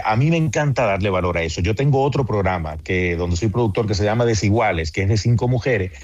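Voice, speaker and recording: A man's voice: mid-range voice, darkish tone, dry recording, highs cut off. A man, a TV producer, talking earnestly in a casual interview. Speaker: TV producer and guest.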